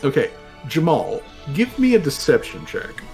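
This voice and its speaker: A man running a tabletop role-playing game as game master, narrating in a casual, halting and rambling way. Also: a little high, huge pitch swings. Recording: music playing behind the voice. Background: background music.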